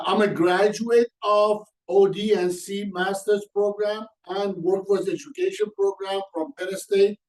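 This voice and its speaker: A man's voice: high voice, darkish tone, far from the mic, rough recording. A man in his sixties from Iran with a Persian accent, giving a webinar lecture in an earnest, personal way, with hesitant fillers and non-native grammar. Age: 60s. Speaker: guest presenter.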